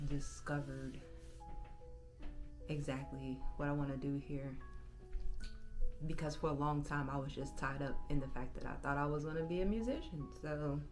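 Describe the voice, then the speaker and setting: Woman, 30s, low voice, halting personal vlog, clear music underneath. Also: darkish tone. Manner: reflective, halting, self-correcting. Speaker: channel host. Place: bedroom.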